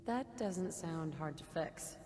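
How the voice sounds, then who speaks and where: A woman's voice: low voice, animated, slow, background noise, exaggerated voice. An actress playing an upbeat, obliging female wasteland survivor as the player character in a video game. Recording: game audio with long reverb and ambience.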